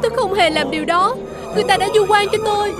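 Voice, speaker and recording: A falsely accused young monk, acted by a woman in a folk tale film, pleading gently for mercy. The voice is very high and soft-spoken. Music plays clearly in the background. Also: fast talker. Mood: protesting. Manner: pleading, protesting innocence.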